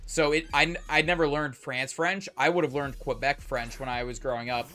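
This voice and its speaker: A man's voice: mid-range voice, steady tone, a little fast, sharp tone, faint music behind. A young man from Canada, with a mostly American accent and a slight Canadian tinge, chatting casually on a live stream and rambling with lots of filler words. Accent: mostly General American, slight Canadian. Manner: rambling, lots of "like" and "uh" fillers, hums while playing.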